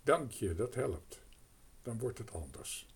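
A rambling, hungry male crow from a storybook, voiced by a man reading aloud. He talks slowly in a husky voice, with his pitch raised and swinging widely, and trails off into hesitations. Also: sing-song, exaggerated voice. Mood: musing.

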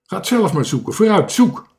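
A man voicing a proud, excitable shipwrecked sailor who shouts and stammers. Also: mid-range voice, slow pace. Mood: gruff shouting.

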